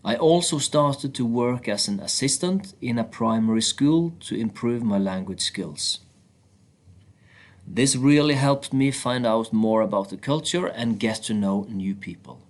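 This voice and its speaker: A man's voice: mid-range voice, expressive, measured pace. Man reading a book aloud.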